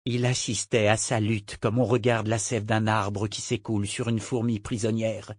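A man's voice: fairly low pitch, little pitch movement, moderate pace, dry recording. French man narrating an audiobook, dry sound. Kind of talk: scripted fantasy narration.

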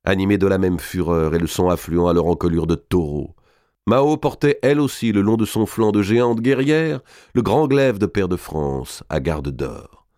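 A man's voice: low voice, lively intonation, normal speed, dark tone, no echo, studio quality. A man narrating a historical novel as an audiobook, reading expressively and dramatically.

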